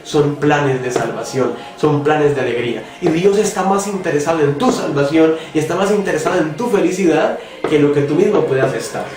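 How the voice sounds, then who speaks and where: A man's voice: on the high side, fairly quick, a little mellow, far from the mic. A man giving a devotional reflection, talking earnestly and asking the listener direct questions. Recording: roomy echo, voice from off the mic, faint music.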